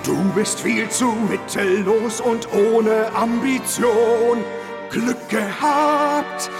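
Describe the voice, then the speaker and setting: An actor playing a stingy, grumpy old rich uncle in a musical audio drama, curt and scornful, both singing and speaking. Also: male voice, very high-pitched, steady tone, drawn-out words, over music, full character voice. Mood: mocking song.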